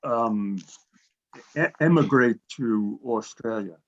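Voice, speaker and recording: A man's voice: fairly low pitch, takes it slowly, lo-fi sound. A man hosting an admissions coaching webinar over a video call, talking bluntly and repeating his words as he thinks aloud. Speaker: admissions consultant host.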